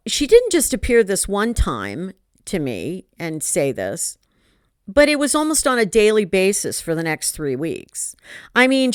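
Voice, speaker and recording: A middle-aged woman tells a personal story in a relaxed, earnest way, often stopping for fillers and asides. Her voice sits low but rises and falls a great deal. The sound is smooth and dry, recorded close. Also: no echo.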